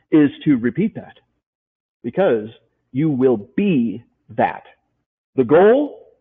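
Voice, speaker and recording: Husky-voiced man coaching over a tinny line. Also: mid-range voice. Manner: emphatic, repeats key points, asks rhetorical questions. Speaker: life coach guest. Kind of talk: motivational interview talk.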